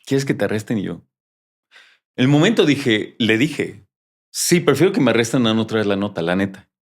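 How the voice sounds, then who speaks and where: A journalist appearing as a guest in a casual interview tells an animated story, acting out the quoted dialogue. His voice is lowish, at normal speed.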